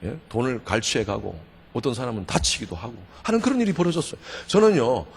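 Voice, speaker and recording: A middle-aged Korean pastor telling a personal testimony in a revival sermon, animated, swinging between loud outbursts and quiet asides. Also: male voice, medium pitch, fast talker, creaky, breathy edge. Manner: storytelling, animated, with sudden shouts and quiet asides. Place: church sanctuary. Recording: church hall with long reverb.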